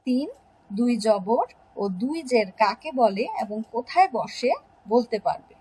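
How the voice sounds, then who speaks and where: A woman from Bangladesh teaching an online religion class to young children, gently and slowly drawing out pronunciation drills. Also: a little high, expressive, a little hiss or hum, low-quality recording. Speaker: Islamic studies teacher.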